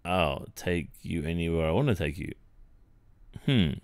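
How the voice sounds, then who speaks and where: Shy and hesitant, an Australian ASMR roleplay performer portrays a polite, awkward young college football captain in an improvised-sounding, one-sided boyfriend roleplay. His low-sitting voice is animated yet halting, with many pauses and soft awkward filler, on a dry recording.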